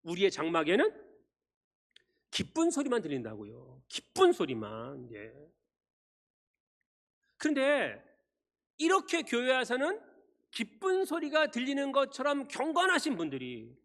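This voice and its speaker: A male pastor preaching a Sunday sermon, firing rhetorical questions at the congregation and swinging between loud emphasis and quiet asides. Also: very high voice, huge pitch swings, unhurried, long pauses. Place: church sanctuary. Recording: long church reverb.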